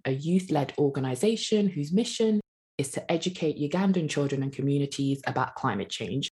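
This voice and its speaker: A woman co-hosting a podcast, reading a guest introduction in a measured way. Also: low voice, dark tone. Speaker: podcast co-host.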